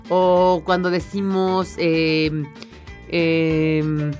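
A woman's voice: sits low, completely flat delivery, very slow, darkish tone, soft background music. A woman co-hosting a radio chat about language, explaining patiently and often checking in with a questioning "¿no?". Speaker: radio co-host.

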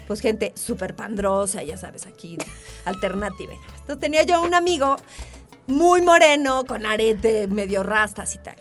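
A woman's voice: mid-range voice, unhurried, faint music behind. A Mexican woman co-hosting a casual chat show, telling funny anecdotes and acting out the voices of people in them. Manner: animated, acts out voices in anecdotes. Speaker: radio show co-host.

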